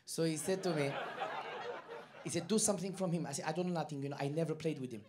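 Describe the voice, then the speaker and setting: A male comedian with a put-on Armenian accent, doing live stand-up in broken, halting English on a comedy club stage. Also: on the high side, background noise. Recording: live club recording with crowd and piano. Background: audience laughter and piano.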